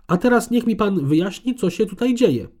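A man reading an audiobook, voicing an arrogant, aggressive female heritage conservator who shouts. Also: high-pitched, expressive, normal speed, pitched above the performer's own voice. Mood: furious.

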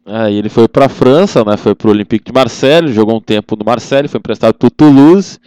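Guy hosting a laid-back soccer chat, normal pitch, lots of tag questions, dry recording. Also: a little fast, dark tone, clear, resonant tone, no echo. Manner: frequent conversational tag questions. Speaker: football show host. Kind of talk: casual football chat.

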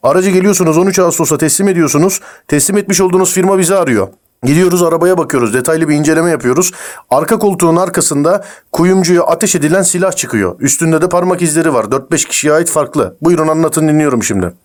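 Guy doing a prank call as a pushy cop, talks super fast, kinda high voice. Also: a little mellow. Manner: pushy, interrogating, rapid-fire. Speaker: prank caller posing as crime officer.

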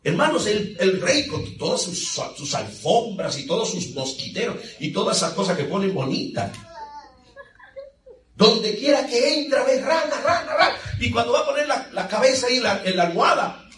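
A man's voice: very high-pitched, expressive, normal speed, a bit bright, recorded from a distance, faint music behind. A man preaching a sermon, telling the story in a vivid, dramatic way with humor, recorded from afar in an echoey church hall.

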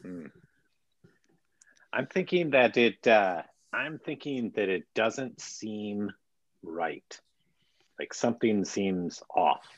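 A man's voice: fairly low pitch, expressive, slow pace, pauses often, no echo, muffled recording. A man co-hosting a casual studio chat, easygoing and a little hesitant. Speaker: co-host.

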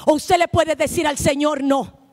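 A woman preaching a missionary sermon, impassioned, swinging between shouted lines and hushed ones. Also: high-pitched, fairly even intonation, normal speed.

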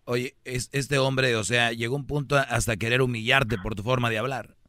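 A man's voice: medium pitch, steady tone, moderate pace, pushed and bright, no echo, clean studio sound. A man hosting a radio call-in show, giving blunt, emphatic, opinionated advice.

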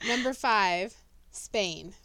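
A young woman with a bright voice trades playful, teasing banter on a casual podcast. She reads out a ranked list in between, and her voice sounds close and dry. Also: mid-range voice, very slow, no echo. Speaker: podcast co-host.

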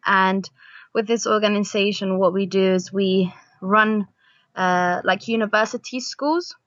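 A woman's voice: mid-range voice, steady tone, unhurried, fairly bright tone, dry recording. Young female missionary guest from Argentina, hesitant and full of fillers, dry muffled recording. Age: young adult. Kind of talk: casual interview.

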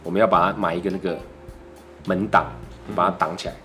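Young man, Taiwanese Mandarin accent, low pitch, rapid casual speech, playful chatty podcast guest, repeats phrases. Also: flat delivery, bright, forceful tone, soft background music. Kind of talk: casual chat.

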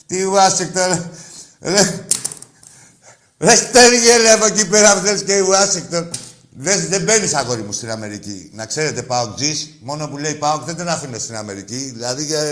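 A man hosting a sports call-in radio show, mocking and insulting his callers, swinging between loud outbursts and muttered asides. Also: medium pitch. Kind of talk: rowdy call-in radio banter.

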